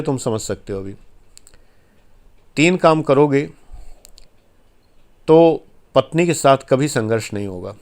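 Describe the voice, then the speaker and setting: A man giving a motivational talk on life and marriage, earnest and exhorting, with firm emphasis. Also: medium pitch. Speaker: life coach giving advice.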